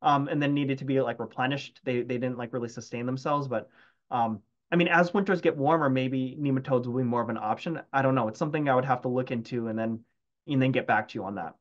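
A man's voice: medium pitch, fast talker, dull audio. A man, an entomologist, answering audience questions over a video call in a casual, hesitant way with many restarts. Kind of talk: casual Q&A after a talk. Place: home room, video call.

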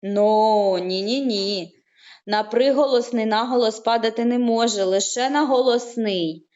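A woman teaching young children in an online lesson, patient and encouraging, stretching words out slowly, heard through a video call. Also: a little high, a little mellow. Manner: slow, drawn-out syllables when saying words aloud. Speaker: primary school teacher. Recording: muffled online call audio.

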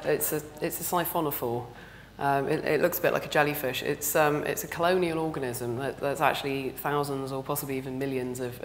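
Very low, hoarse, honking British woman. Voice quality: hoarse, honking half-lost voice. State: hoarse with a cold. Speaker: conference speaker, UX consultant. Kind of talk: conference talk. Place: large indoor conference hall stage. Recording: echoey hall, background noise.

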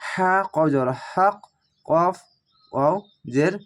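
This is a man giving a patient recitation lesson, with a voice that sits a little higher than most men's. He breaks each word into its syllables, then chants the whole word slowly and stretched out. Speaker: Quran reading teacher.

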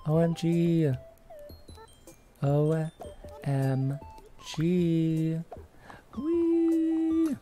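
A woman's voice: extremely low pitch, slow pace, long pauses, dark tone, faint music behind. A woman in her twenties chatting casually on a livestream while playing a game, bubbly and giggly with lots of little cheers. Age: 20s. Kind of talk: casual gameplay chat.

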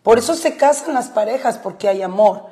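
A woman's voice: a little high, expressive, brisk, warm tone. A woman co-hosting a faith-based marriage advice talk show, explaining Bible verses emphatically and repeating her points, with English fillers slipped into her speech. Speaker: radio co-host.

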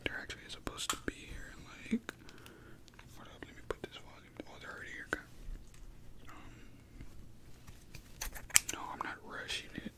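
A man's voice: normal speed, pauses often. A young man doing a whispered role-play as a barber, chatting casually with slang to the listener in a small room at home. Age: young adult. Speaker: ASMR creator playing a barber.

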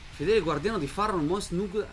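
A young man giving casual let's-play commentary as host of a gaming channel, chatting to his viewers and to the game's characters, and breaking into high shouts in fights. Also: a little fast, a little hiss or hum. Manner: excitable, bursts into high shouts during fights.

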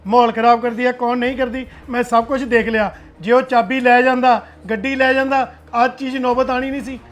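A man's voice: extremely high pitch, little pitch movement, fairly quick. A Punjabi-accented man playing a stern elder brother who settles a family quarrel. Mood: lecturing. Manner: stern, lecturing. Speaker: elder brother, head of household.

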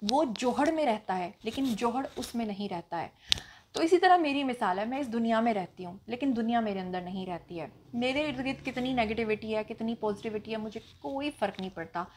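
A woman's voice: on the high side, lively intonation, a little fast, a little mellow, slight background noise. Assertive Pakistani woman vlogger. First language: Punjabi. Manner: assertive, emphatic, self-assured. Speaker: vlogger host. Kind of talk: casual Q&A vlog answering comments.

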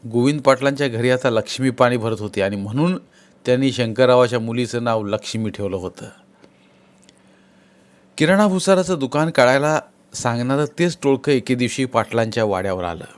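A man narrating a village novel as an audiobook, reading in a steady, expressive way. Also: mid-range voice, fairly quick, clean tone. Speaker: storyteller.

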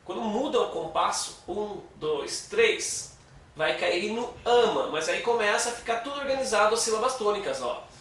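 A man's voice: high voice, expressive, a little fast, hardly any pauses, a bit bright. A Brazilian man giving a casual guitar lesson, patiently explaining and counting beats aloud. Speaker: guitar teacher. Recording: echoey room, mic at a distance, guitar playing.

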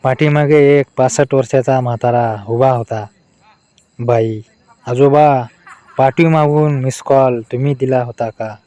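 A man reading out a string of short adult jokes in a flat delivery. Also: mid-range voice, a little slow, no echo. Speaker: joke narrator.

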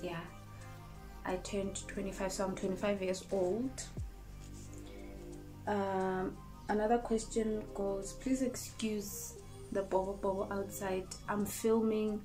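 Her medium-pitched, mellow voice stays level and slow, pausing often, with faint music behind and a rough recording quality. The speaker is a South African vlogger in her 20s filming a casual get-to-know-me ramble on her phone camera up close, in a small indoor room before some cupboards.

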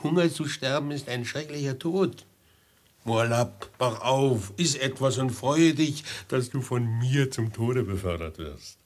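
A man with a medium-pitched, lively voice, a little slow and close to everyday speech, plays a gleeful, chatty hangman in a 1950s radio play. He fusses over his condemned prisoner with theatrical, cajoling affection, sounding excited and mock tender.

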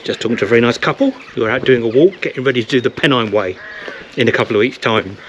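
Strolling outdoors past the village church and along its lanes, a man in his fifties vlogs eagerly, holding the camera and its mic at arm's length. He talks fast and expressively in a mid-range voice, while the audio has its highs cut off and a little hiss or hum.

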